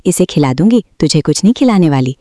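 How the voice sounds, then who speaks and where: A woman's voice: deep voice, sing-song, a little fast, warm tone, no room sound, clean studio sound. A woman voicing a sarcastic young woman friend in a storybook.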